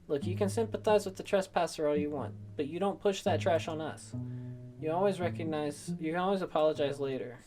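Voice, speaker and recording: A woman's voice: sits low, natural voice. A woman voicing a dismissive, mocking teenage former friend who talks in a curt, condescending way. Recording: music behind the voice.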